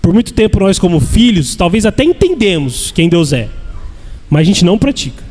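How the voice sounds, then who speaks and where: Brazilian male church speaker, earnest and repetitive, a bit high-pitched, reverberant hall. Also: very animated, a little fast, a little mellow. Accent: Brazilian Portuguese. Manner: earnest, repetitive, asks "né?" often. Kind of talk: sermon-style teaching. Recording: echoey hall with long reverb.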